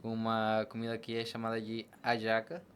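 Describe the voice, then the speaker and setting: Here a Spanish-speaking man from Venezuela, a barber on a podcast, chats casually and illustrates his points with examples. His voice sits fairly low and comes out monotone at a moderate pace, over noticeable ambient noise.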